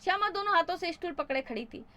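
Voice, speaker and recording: A woman's voice: extremely high pitch, expressive, fast talker, pushed and bright. A woman teacher reads a school story aloud, voices the children's lines in her reading, and stops to explain each passage in simpler words for young pupils.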